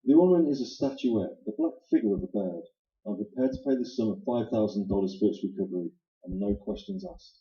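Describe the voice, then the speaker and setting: A man's voice: mid-range voice, sing-song, brisk, vocal fry, warm tone. A man voicing a polite but menacing foreign dealer in a 1940s-style radio play, speaking with formal, oily courtesy. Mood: smooth, courteous. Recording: roomy, dull lo-fi recording.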